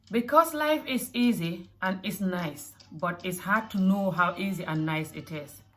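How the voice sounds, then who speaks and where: An adult mother and vlogger, whose first language isn't English, speaks with a mixed African and Scottish accent. She gives an earnest motivational talk to camera, often repeating phrases, in a voice on the low side with a fairly bright tone.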